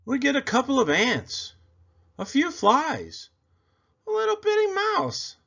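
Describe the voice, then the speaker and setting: Slow and marked by vocal fry, a man's dramatic picture-book reading swings widely in pitch, with words drawn out expressively. The sound is slightly dull and lo-fi.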